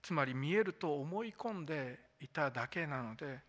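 A man's voice: a little high, lively intonation, moderate pace, fairly bright tone. A pastor delivering a sermon, stressing key points by repeating them and putting rhetorical questions to his listeners. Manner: asks the congregation rhetorical questions. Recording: long hall reverb.

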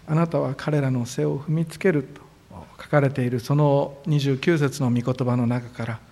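A man serving as a church pastor, leading a formal prayer and then preaching in a relaxed, friendly way. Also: medium pitch. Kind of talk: prayer and sermon. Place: church sanctuary.

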